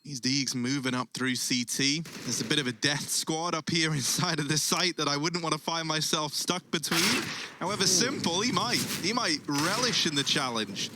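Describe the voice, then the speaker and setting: Guy casting an esports match, higher voice, colorful play by play, noisy gunshots in the back. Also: normal speed. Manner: esports caster storytelling with colorful phrasing. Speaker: esports caster. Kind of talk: live esports match commentary. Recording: loud game noise with gunfire behind.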